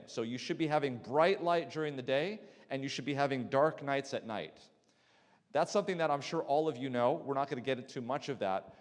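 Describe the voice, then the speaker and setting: A physician giving a conversational health lecture to a church audience, asking the room questions and often restarting his sentences. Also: medium pitch. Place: church hall before an audience. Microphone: handheld mic, battery swapped. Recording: long hall reverb.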